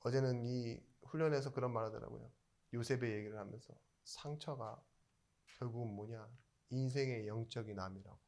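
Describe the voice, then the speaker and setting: A male pastor preaching a sermon in a chatty storytelling way. He asks the congregation questions and rises into loud emphatic bursts. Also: medium pitch, moderate pace.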